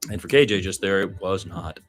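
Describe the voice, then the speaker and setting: A low-voiced man calls basketball play-by-play over music, speaking fairly quickly. His delivery is off the cuff, and he mixes in his own opinionated, reflective commentary.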